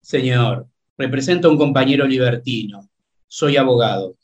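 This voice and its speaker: A man's voice: mid-range voice, normal speed, lo-fi sound. Firm formal man playing a lawyer. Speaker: sketch character, lawyer. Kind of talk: comic sketch acting.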